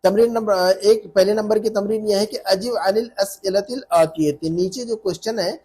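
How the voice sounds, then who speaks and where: A man's voice: high voice, steady tone, moderate pace, dark tone, slightly rough. A man teaching a live class, patient, repeating words to drill pronunciation. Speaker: Arabic teacher.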